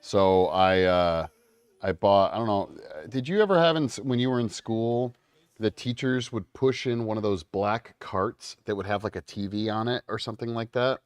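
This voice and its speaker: Chatty low-voiced man streaming. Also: moderate pace, clear, resonant tone, dry recording, studio quality. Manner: chatty, laughs often, many fillers. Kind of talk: casual chat on a livestream call. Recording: faint music behind. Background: faint background music.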